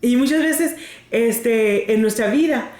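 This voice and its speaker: A woman podcast host telling a faith story with animated, preachy energy. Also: fairly high pitch, takes it slowly. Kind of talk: casual faith talk with storytelling. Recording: echoey room.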